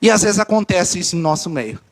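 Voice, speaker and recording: A man's voice: high-pitched, expressive, brisk, gravelly. A man preaching a fervent sermon to a church congregation, addressing them as brothers, his voice swinging up and down. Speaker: pastor. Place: church service.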